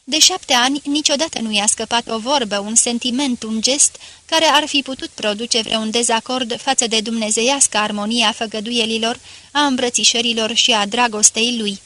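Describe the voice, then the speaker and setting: Woman narrator, audiobook, bright, slightly high voice, measured literary reading. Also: steady tone. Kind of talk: scripted narration.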